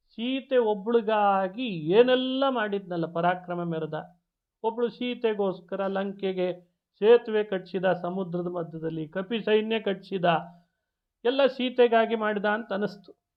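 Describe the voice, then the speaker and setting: A man with a high, bright voice gives a devotional discourse, narrating the tale with lively storytelling. He slows down to chant verses, then explains them. The sound is thin and tinny, like a phone line. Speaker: religious discourse speaker. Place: discourse hall.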